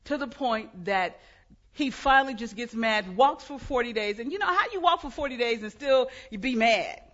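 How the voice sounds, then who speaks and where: Woman preacher, high bright voice, animated storyteller, dull lo-fi sound. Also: moderate pace. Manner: lively storytelling, dropping to hushed tones. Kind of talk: sermon.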